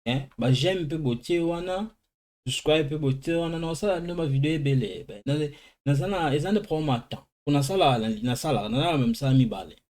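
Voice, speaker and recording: Man slowly drilling English vocabulary. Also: a little high, lively intonation, a little mellow. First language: Lingala. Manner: switches between languages, slow drilling of English words. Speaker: language teacher. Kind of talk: informal vocabulary lesson.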